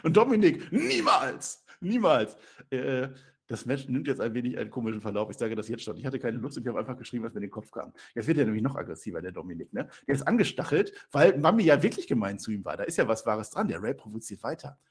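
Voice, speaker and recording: A man's voice: quick pace, slightly rough. A man hosting a casual talk show, retelling a fantasy wrestling storyline and jumping into character voices. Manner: animated storyteller, jumps into high squeaky character voices. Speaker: podcast host.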